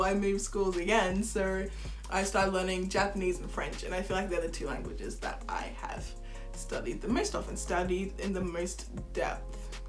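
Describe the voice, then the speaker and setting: Young woman, soft and chatty, giggles a lot, mid pitch, faint music underneath. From Zimbabwe. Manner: soft-spoken, giggly, chatty, often drops to a whisper. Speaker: vlogger. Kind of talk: relaxed bedtime chat to camera.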